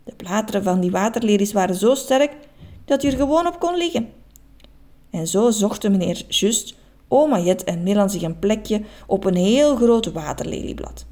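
A Flemish woman reading a children's story aloud, expressive and lively. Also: medium pitch, normal speed.

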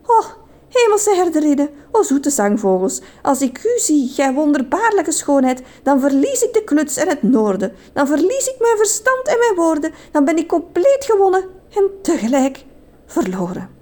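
Smitten storybook gentleman, acted by a woman, high voice, theatrical, gushing verse. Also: big pitch swings, normal speed. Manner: stammering, then gushing and theatrical. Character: shy, lovestruck man reciting flowery verse.

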